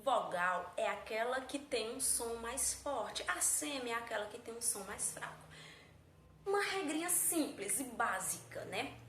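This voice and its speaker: High-voiced woman teaching in an echoey room. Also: a little slow. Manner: animated, checks in often with "tá?", voices student questions. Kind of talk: explaining grammar to students. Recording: echoey room with faint ambient noise.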